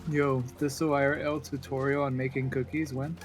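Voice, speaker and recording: A man's voice: medium pitch, flat delivery, normal speed. A man with a mid-range voice trades teasing, easygoing banter on a game stream. Faint music sits underneath. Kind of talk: casual gaming chat.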